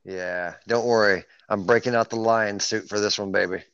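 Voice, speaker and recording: A man's voice: fairly low pitch, steady tone, normal speed, a bit bright, clean tone, no room sound. Playful joking man, dry dull sound. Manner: joking, playful, laughs often. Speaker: podcast co-host. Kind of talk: casual podcast chat.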